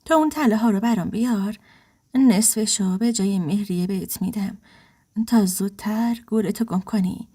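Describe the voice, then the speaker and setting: Brief: a mocking, dismissive husband, as a woman narrator reads him, breathy and mellow, in a storybook read-aloud. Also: sits high. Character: scornful cheating husband, middle-aged man.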